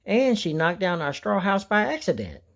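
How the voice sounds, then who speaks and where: The youngest little pig from a children's storybook, flustered and quick to explain, as a woman plays him. The pitch sits raised and lively with a gravelly grain. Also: noisy background. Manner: raised pitch, a bit louder.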